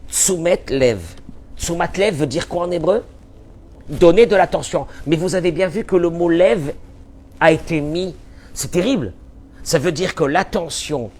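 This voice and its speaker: Emphatic male rabbi giving a lesson. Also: fairly high pitch. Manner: emphatic, repeats key phrases, swings between loud and soft. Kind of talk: Torah lesson.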